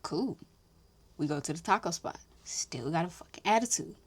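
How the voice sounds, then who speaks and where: A young woman from Houston hosting a podcast, telling a casual story in an animated, slangy, profane way with frequent laughs. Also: fairly low pitch, normal speed, husky. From Houston, Texas. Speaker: podcast host.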